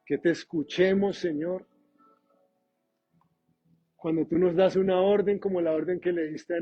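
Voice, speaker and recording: A male pastor prays slowly and earnestly, pausing to repeat words. His voice sits a little high and has a husky edge. Soft music plays behind him on a slightly dull recording. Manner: slow, earnest prayer with pauses and repeated words. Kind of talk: closing prayer in a sermon.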